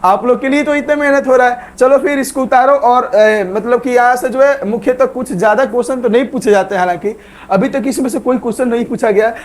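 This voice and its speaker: Talking fairly quickly in a very high-pitched voice, this man runs an online history lesson for exam prep, asking questions and then answering them himself. He also urges viewers to like and subscribe.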